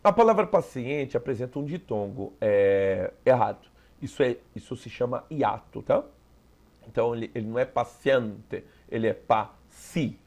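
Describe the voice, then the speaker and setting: A Brazilian man with a Brazilian Portuguese accent works through an exam as a teacher, explaining each step and regularly checking in with the listener during the review lesson. His mid-range voice has a darkish tone and lively intonation, and he speaks at a normal speed.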